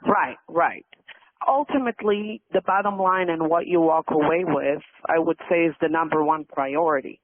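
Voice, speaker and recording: A man talks over a landline phone in a slightly high voice, and the line squeezes it thin and tinny. He is an earnest, reassuring realtor who comes back to his key points again and again. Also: normal speed, dry recording. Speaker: realtor in a practice sales call. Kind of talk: polite sales pitch on a phone call. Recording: narrow tinny landline sound.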